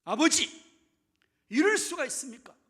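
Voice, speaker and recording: A man voicing an aggrieved elder son in a loud, high, complaining outburst during a sermon. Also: very animated, normal speed, full character voice. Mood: indignant. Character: resentful adult elder son, indignant and aggrieved.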